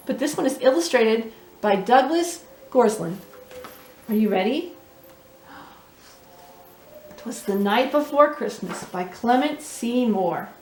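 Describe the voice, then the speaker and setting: In a roomy, echoey indoor space with a little hiss or hum, a woman with a high-pitched, darkish voice reads and tells a children's story expressively. She often puts questions to her young listeners.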